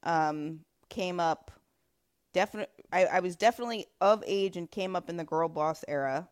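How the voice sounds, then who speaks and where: Woman host, casual interviewer, lower register, loose and talkative. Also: normal speed. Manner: chatty, frequent fillers and laughs. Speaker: podcast host. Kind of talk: casual conversation.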